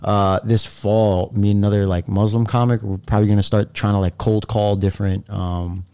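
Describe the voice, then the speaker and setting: A man's voice: lowish voice, flat delivery, moderate pace, mellow, smooth. A young man chatting casually as a podcast guest, with slangy, laid-back frat bro talk full of "dude" and "like". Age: young adult. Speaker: guest stand-up comedian on a podcast.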